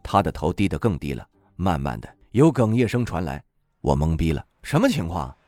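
A man narrating a novel in the first person, wry and expressive. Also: very deep voice, fairly quick, no room sound. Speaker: audiobook narrator.

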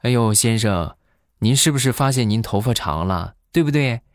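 A man voicing a pushy young female street promoter with an eager, persistent sales pitch. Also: animated, normal speed, no echo, studio quality, close to an everyday voice.

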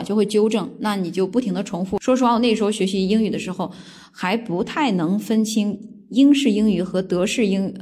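A woman from China talks to her viewers in an easygoing, meandering monologue. Her pitch is ordinary for a woman, and she often stops to gather her thoughts before going on. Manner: relaxed and rambling, with frequent thinking pauses. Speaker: vlogger. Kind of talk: casual storytelling monologue.

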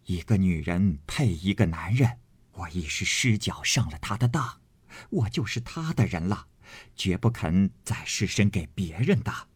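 A man voicing a passionate, defiant young maid, raising his husky voice in an impassioned plea while reading a classic novel aloud. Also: low voice, expressive, measured pace, no room sound, exaggerated voice.

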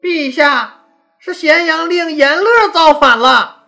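A frightened young palace servant, tearful and pleading, as a woman storyteller puts him on. The voice climbs high above her usual one and drags slowly. Faint music plays behind. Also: bright, forceful tone, exaggerated voice.

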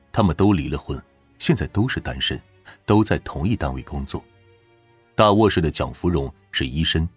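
A man narrating true crime from a script in a measured, serious storytelling way. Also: deep voice, breathy edge. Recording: roomy echo with faint music. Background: faint background music.

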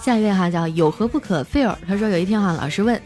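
A young adult woman hosting a comedy show, reading listener jokes aloud in a playful, lively way and chuckling at them. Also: fast talker. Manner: playful, chuckles at the jokes, jumps high for quoted voices. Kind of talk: lively comic joke reading. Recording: background music under the voice.

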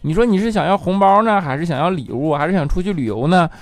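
A sweet, coaxing mother, as a comedian with a Northeastern Chinese accent puts her on. Her voice rises high and bright above his own. She asks her questions in a singsong tone. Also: animated, fast, dry recording. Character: doting mother coaxing her child, woman.

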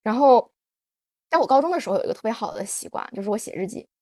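A woman's voice: a little high, quick pace, no echo, studio quality. A woman podcast host sharing a personal story on a livestream, candid and full of fillers. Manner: animated, confessional, many fillers.

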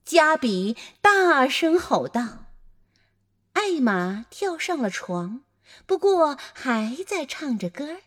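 High lively lady reading a kids story, playful and slow. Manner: animated, playful.

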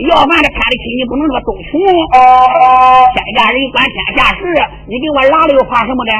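A man's voice: extremely high pitch, quick pace, low-quality recording. A man doing a kindly old disguised minister. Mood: coaxing. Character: elderly male prime minister disguised as beggar, kindly. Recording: loud string accompaniment behind.

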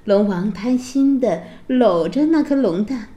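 Slow, expressive woman storyteller. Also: fairly high pitch, dull audio. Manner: gentle, expressive reading. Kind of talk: children's story narration. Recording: roomy echo.

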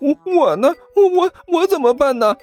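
A man's voice: high voice, big pitch swings, moderate pace, a little mellow, soft background music, pitched above the performer's own voice. A man voicing a flustered young man who stammers eagerly.

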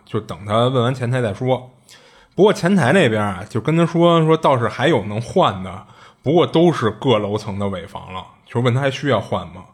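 A man with a husky, slightly breathy voice tells a spooky anecdote in a relaxed, conversational way. He talks in a chatty, colloquial manner, doubling back on his words as he goes. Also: mid-range voice. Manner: chatty, colloquial, with frequent restarts and asides. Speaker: storyteller. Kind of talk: casual retelling of strange tales.

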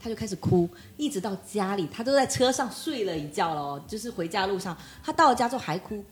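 一位三十多岁的女人在播客中闲聊，讲自己带孩子的经历，常模仿别人说话的语气。. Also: female voice, medium pitch, fast talker. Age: 30s. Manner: animated storyteller acting out quoted dialogue. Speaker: podcast guest. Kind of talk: casual chat.

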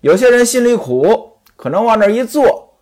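Lively man telling a story. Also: extremely high pitch, normal speed. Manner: chatty, asides to the audience. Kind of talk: traditional storytelling with commentary.

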